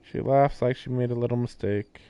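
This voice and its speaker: With game music playing, this streamer reads a visual novel's text aloud and adds offhand, questioning commentary. He speaks fairly quickly in a steady, medium-pitched, smooth and mellow voice, though the audio is dull.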